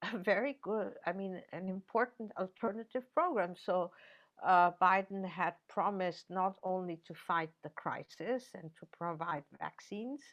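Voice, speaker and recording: An older woman speaks slowly and deliberately, giving an academic answer in an interview. Her voice sits fairly low, and she pauses often on fillers and restarts. The sound is dull and lo-fi, like a video call. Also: fairly bright tone. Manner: measured, many fillers and restarts. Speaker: interviewee, professor.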